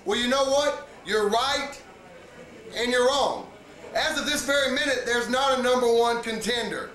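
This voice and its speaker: Male wrestling official, confrontational promo delivery, forceful and very high, reverberant arena sound. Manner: emphatic, confrontational. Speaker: wrestling show official announcing a match.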